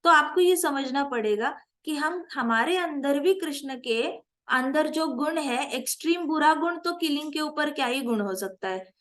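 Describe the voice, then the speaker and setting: A woman giving a scripture class in an animated way, asking her listeners questions and mixing in English phrases. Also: sits high, unhurried, hardly any pauses. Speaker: spiritual teacher.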